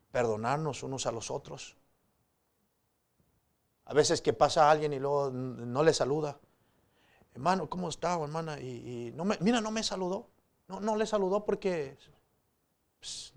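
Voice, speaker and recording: A man preaching a sermon, swinging from loud pleading to low quiet asides and calling the congregation "brothers". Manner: addresses the congregation as "hermanos" often; acts out quoted pleas in a raised voice.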